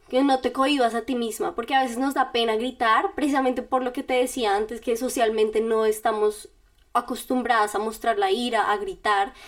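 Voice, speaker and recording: Chatty woman host with a higher voice. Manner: talks straight to the listener, giving step-by-step directions with fillers; chatty and informal, with little laughs. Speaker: podcast host. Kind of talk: casual guided self-help instruction.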